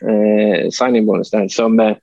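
A man's voice: on the low side, little pitch movement, warm tone, no echo. A man, a hockey player as guest, telling anecdotes in a loose, chatty way with frequent swearing. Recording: dry, slightly dull recording.

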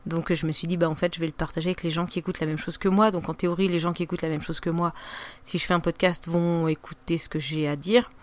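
A podcaster with a regional French accent talks fast in a low, flat voice. She chats loosely in a casual interview, full of fillers and restarts.

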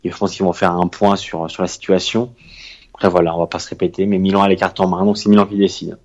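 Low-pitched man, podcast co-host, self-mocking humor. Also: little pitch movement, fast, muffled recording. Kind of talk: casual chat about Italian football.

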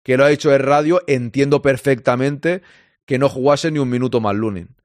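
A man's voice: mid-range voice, moderate pace, a little mellow, no echo, clean studio sound. Chatty man hosting a football stream. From Spain. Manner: chatty, reads out and answers listener comments. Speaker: podcast host reading listener chat. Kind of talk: casual live-stream football chat.

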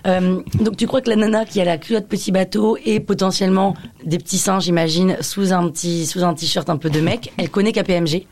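A woman's voice: fairly low pitch, steady tone, a little fast, hardly any pauses, a little mellow, a little hiss or hum. A woman hosting a podcast in casual chat, teasing her guest and laughing, with loose slang. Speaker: podcast host.

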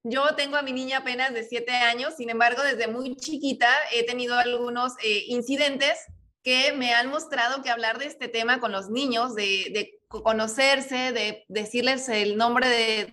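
Mom co-host, bright and fairly high, animated confessional telling. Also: female voice. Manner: emotional, animated storytelling. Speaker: co-host, mother. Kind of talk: personal story in casual chat.

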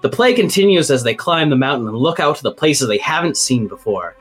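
A man's voice: mid-range voice, very animated, fairly quick, breathy edge, soft background music. A man acting as game master, narrating a tabletop game story and voicing its characters in quotes.

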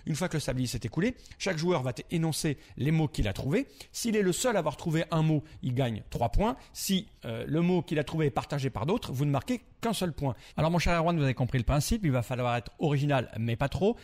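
A man's voice: a little high, expressive, fast, hardly any pauses, a little mellow. A man presenting a weekly board game review segment, explaining the rules in a chatty, direct way to the host.

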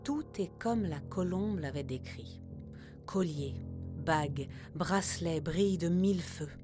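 A woman narrating a scripted children's story in a slow, gentle storytelling manner. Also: fairly low pitch, music in the background.

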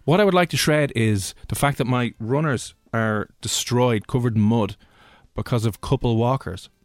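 A man's voice: medium pitch, normal speed, dry recording, clean studio sound. An Irish man presenting an evening radio show in a chatty, jokey, colloquial way. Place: radio studio.

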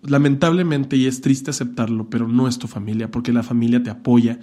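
On a podcast, a man with a Mexican accent tells his coming-out story, chatting casually but earnestly and handing out blunt advice peppered with campy, profane asides. His voice is medium-pitched, warm, fairly quick, and fairly even in intonation.

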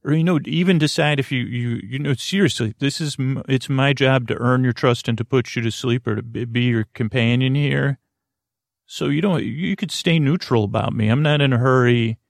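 Gently and reassuringly, a man hosting a sleep podcast drifts haltingly between tangents in his monologue. His voice is mid-range and creaky, captured in a dry, studio-quality recording.

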